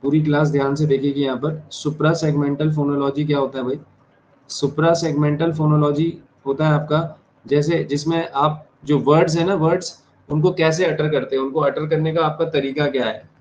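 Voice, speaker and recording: A man teaching an exam-prep class in Hindi and English. He dictates key terms slowly, repeats them and keeps checking that the class understands. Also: fairly high pitch, fairly even intonation, a little mellow, highs cut off, a little hiss or hum. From India. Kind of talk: online exam-prep lecture.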